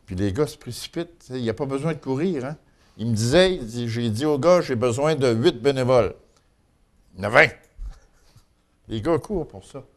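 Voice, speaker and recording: A man's voice: medium pitch, expressive, normal speed, long pauses. A man with a Quebec French accent giving an informal local news chronicle in a folksy, colloquial way. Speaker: local news and gossip columnist.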